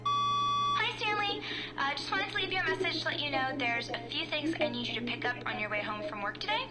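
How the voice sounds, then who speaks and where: Wife on voicemail, chatty, high voice, music playing. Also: female voice, animated, a little fast. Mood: casual. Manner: chatty, listing errands. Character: wife leaving a casual phone voicemail. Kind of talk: scripted game dialogue.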